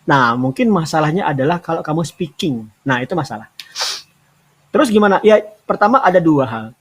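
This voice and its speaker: A man hosting a talk show with an Indonesian accent, giving casual, relaxed advice with hesitations and restarts. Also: fairly high pitch, fairly quick, husky. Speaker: podcast host giving remote work advice.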